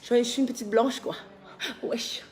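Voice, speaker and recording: A woman's voice: on the high side, steady tone, normal speed, a little mellow. Woman host, tired, chatty and teasing, casual live-stream talk. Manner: chatty, teasing, scolds workers. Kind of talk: casual live-stream chat reading viewer comments. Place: her villa under construction.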